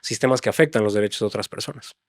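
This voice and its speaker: A man, a guest linguist, explaining his views calmly in a casual chat. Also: fairly low pitch, no echo, clean studio sound. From Mexico. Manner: measured, explanatory.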